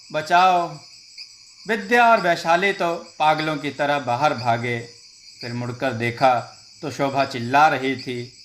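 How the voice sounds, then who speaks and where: Slow, dramatic male horror storyteller. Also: medium pitch, fairly bright tone, a little hiss or hum. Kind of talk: scripted horror narration.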